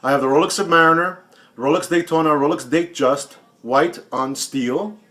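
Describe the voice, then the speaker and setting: Fairly high-pitched and pushed bright, a man in his late forties talks at normal speed while answering questions from another vlogger. The YouTube watch channel host is casual, blunt and taunting, swears a lot, and repeats himself for emphasis.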